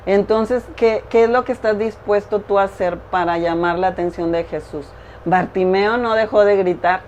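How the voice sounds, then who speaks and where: A woman's voice: medium pitch, normal speed, a little mellow. A woman preaching a sermon, earnest and repetitive, speaking straight to the listener. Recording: dull lo-fi recording with faint hiss.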